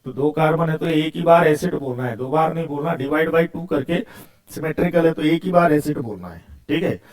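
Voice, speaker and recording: A man's voice: fairly high pitch, moderate pace. A man teaching chemistry, asking questions and answering them himself and repeating key words. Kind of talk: video lecture.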